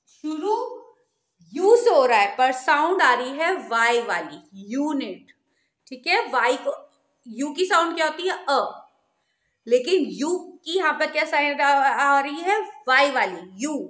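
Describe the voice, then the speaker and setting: Slow, high-voiced woman teaching. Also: a bit bright, echoey room. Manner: asks questions and answers them, repeats words slowly. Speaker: English teacher. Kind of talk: video lesson explaining grammar.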